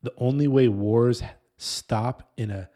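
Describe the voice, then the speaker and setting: A man in his thirties preaching casually, telling a story in an animated, rambling way that often breaks off and restarts. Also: medium pitch, slow pace. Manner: animated, rambling, self-interrupting. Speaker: pastor.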